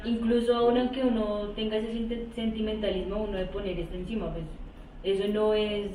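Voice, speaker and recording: A woman answers from among the students, casual and a little hesitant. Her mellow voice comes from far off in an echoey room, with faint noise underneath. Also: mid-range voice, level tone. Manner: casual, thinking aloud with hesitant pauses. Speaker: student in the class. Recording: distant, roomy, faint noise.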